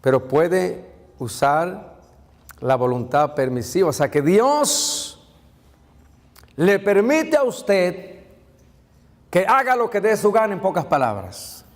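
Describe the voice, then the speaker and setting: Man, pastor, sermon, higher-pitched voice, long church echo. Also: very animated, slow pace, long pauses. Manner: preaching with rhetorical questions, calling out to the congregation.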